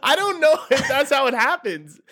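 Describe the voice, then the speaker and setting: A high-pitched man with a Queens, New York accent co-hosts a casual comedy podcast. He is excitable and slangy, swearing freely as he banters. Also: normal speed. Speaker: podcast co-host.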